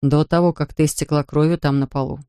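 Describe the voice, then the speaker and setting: A narrator voicing a grieving father who talks softly, slowly and tenderly to his daughter. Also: fairly even intonation, smooth, no room sound, studio quality, lightly acted. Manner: soft, low and slow, pleading. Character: grieving gentle father, a big man. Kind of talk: audiobook character voice.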